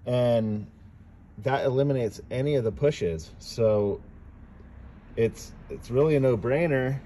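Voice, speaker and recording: Slow, deep-voiced man explaining a repair. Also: a little hiss or hum. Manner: relaxed, explanatory, talks between tasks. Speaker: dent repair technician. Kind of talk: casual how-to narration while working. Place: outdoors in a parking lot beside a car.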